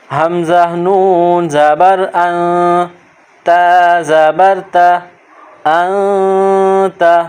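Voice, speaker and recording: Patient man teaching slow recitation. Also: a little high, clean tone. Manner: slow, drawn-out syllable-by-syllable recitation between explanations; patient, repetitive explaining. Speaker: Quran reading teacher. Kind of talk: step-by-step recitation lesson for kids.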